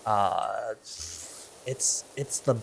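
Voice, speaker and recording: A man's voice: fairly low pitch, drawn-out words, gravelly, a bit bright, a little hiss or hum. A man streaming a game, chatting casually and wryly while he plays. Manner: laid-back, wry, thinks aloud while playing. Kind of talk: casual gameplay chat.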